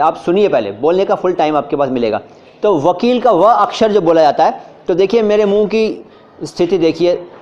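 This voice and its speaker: A man teaching Hindi and Urdu pronunciation in a lively lecture, drawing out syllables slowly and joking with his students. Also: high-pitched, dull audio. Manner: demonstrates sounds slowly, repeats syllables, jokes with students. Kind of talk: lively classroom-style lecture.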